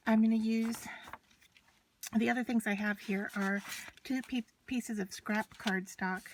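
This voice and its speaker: A woman with a mid-pitched voice presents a casual, unscripted craft tutorial. She explains each step as she works with her hands. Noise is audible behind her, with scratching and clicks from the materials she handles. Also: rough recording. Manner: instructional, talking through each step while working with her hands.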